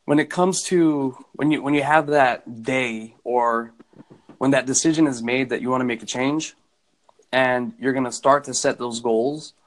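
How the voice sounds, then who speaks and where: A man's voice: mid-range voice, poor audio. Young guy chatting, mid voice, lots of ums and restarts. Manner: stumbling, fills with um and I mean. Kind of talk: casual conversation.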